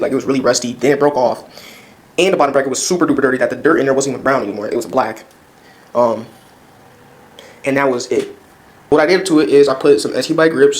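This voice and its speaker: A young man talks loosely and slangily to his viewers as he works on a bike, his voice sitting at an ordinary middle pitch. The sound bounces around an echoey indoor room downstairs. A faint hiss of background ambience sits under him. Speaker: vlogger. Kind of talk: casual talk while working on a bike.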